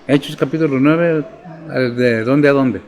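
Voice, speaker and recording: A man's voice: medium pitch, a little slow, a little mellow. Man preaching a sermon. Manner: preaching with questions to the congregation. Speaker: pastor.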